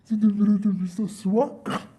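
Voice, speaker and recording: A woman telling a fan role-play prank story with a dramatic delivery. Her voice is very dark and mellow, and her pitch sits in the middle of the range. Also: steady tone, a little fast. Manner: dramatic, switching between shouting and whispered asides.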